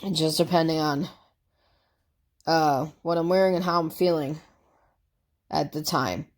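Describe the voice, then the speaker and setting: A woman with a low, steady voice talks a little slowly as she chats through tag questions in a casual vlog. She's congested from a cold and comes across as rambling and easygoing, with fillers and asides.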